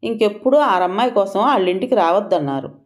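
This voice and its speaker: A man's voice: high-pitched, expressive, fast, voice pushed up. A woman voicing a tearful male servant who talks in rustic village speech. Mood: upset.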